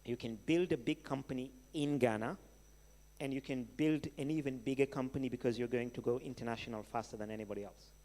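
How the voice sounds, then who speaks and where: A man's voice: mid-range voice, fairly even intonation, fast talker, mellow. A man with a Senegalese accent answering questions as a keynote speaker, conversational and emphatic, with rhetorical questions. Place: large hall at a live event. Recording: echoey hall with long reverb.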